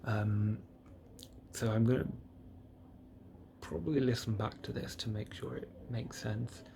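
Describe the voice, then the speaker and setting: Drowsy and relaxed after surgery, a man records a health-diary vlog alone in a private hospital room, rambling to himself in subdued, halting phrases that trail off. His voice is fairly low and gravelly. He films himself on a device with a screen, and the room ambience is noisy.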